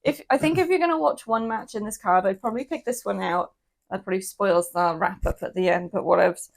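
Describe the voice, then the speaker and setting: A woman's voice: mid-range voice, a little fast, vocal fry. A Welsh woman co-hosting a casual wrestling reaction chat, recapping matches with plenty of ums and laughs. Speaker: co-host.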